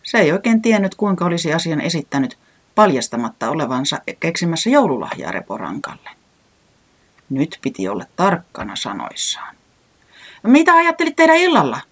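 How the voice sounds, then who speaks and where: A storyteller reading a children's storybook aloud in a calm, gentle way with a lively lilt. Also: mid-range voice, breathy edge.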